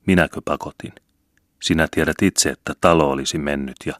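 A man reading an old farmer father in an audiobook, gruff and strained. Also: extremely low pitch, steady tone, dry recording, clean studio sound. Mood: defensive. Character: older farmer father, proud and shaken.

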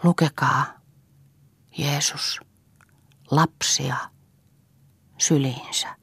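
A woman's voice: deep voice, fairly even intonation, gravelly, a bit bright, husky, dry recording, whispered, exaggerated voice. A woman reading aloud voices a delirious, dying young woman who cries out in fever. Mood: faint whisper. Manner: feverish, crying out.

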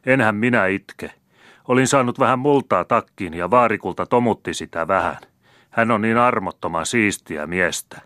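A man's voice: lowish voice, bright, forceful tone, dry recording, studio quality, pitched above the performer's own voice. A man doing a sheepish young farmhand. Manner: sheepish and sly.

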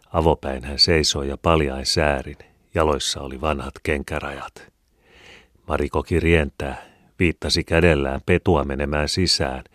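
A man narrating a classic novel as an audiobook reader, in a calm, measured storytelling manner. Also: extremely low pitch, no echo, clean studio sound.

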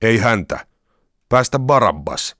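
A man's voice: deep voice, fairly bright tone, dry recording, studio quality. A man voicing an angry crowd in a scripture reading, raised and insistent. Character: angry shouting crowd of men.

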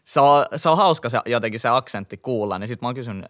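Young man, Helsinki accent, podcast co-host, slangy, animated, casual chat. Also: medium pitch. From Finland. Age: young adult. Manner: slangy, animated storytelling with laughs and many fillers.

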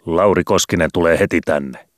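Man doing a harsh, commanding schoolteacher, very deep voice, dry sound, storybook reading. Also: little pitch movement, dry recording. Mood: stern. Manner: commanding and threatening. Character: stern, cruel old-fashioned male schoolteacher.

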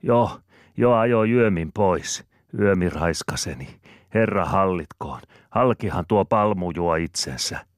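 A man voicing a loud, bustling peasant woman who scolds and shouts in quick exclamatory bursts while herding cows in an audiobook. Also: low-pitched, animated, no echo, studio quality, pitched above the performer's own voice. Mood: scolding.

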